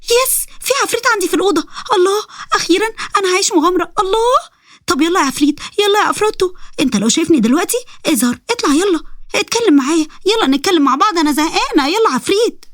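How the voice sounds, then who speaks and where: A woman's voice: extremely high pitch, animated, racing, no room sound, clean studio sound, pitched above the performer's own voice. A woman with an Egyptian accent voicing a vain, giddy teenage girl who squeals and admires herself. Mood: thrilled. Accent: Egyptian Arabic.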